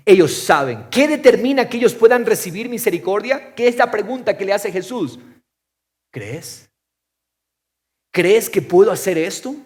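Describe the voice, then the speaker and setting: A man preaching a sermon as pastor, firing off rhetorical questions and swinging from loud to soft. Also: high voice. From Ecuador.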